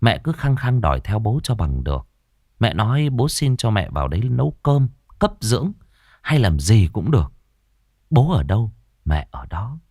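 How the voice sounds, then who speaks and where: A male storyteller narrates a ghost story with a very low voice. His pitch swings widely as he builds tension. The sound is dry and close. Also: sing-song, darkish tone, no echo. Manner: slow, dramatic storytelling.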